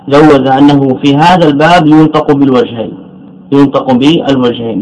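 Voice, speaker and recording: A man's voice: a little high, a little mellow, poor audio. A middle-aged man teaching Arabic morphology as a scholar, repeating key phrases and putting questions to himself before answering them. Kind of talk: classical lecture explaining a text.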